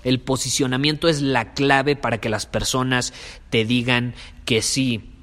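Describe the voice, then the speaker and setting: A man's voice: mid-range voice, level tone, unhurried, a bit bright, in a large hall. A man with a Mexican Spanish accent hosts a podcast as a sales coach, speaking with emphasis, preaching and repeating his key phrases. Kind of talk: motivational monologue.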